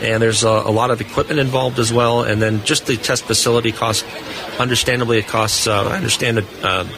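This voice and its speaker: The interview guest, a radio equipment test engineer, speaks fairly quickly in a creaky, mid-range voice with fairly even intonation. At a booth on the convention floor, he gives unscripted explanations in a live interview against a noisy, bustling background.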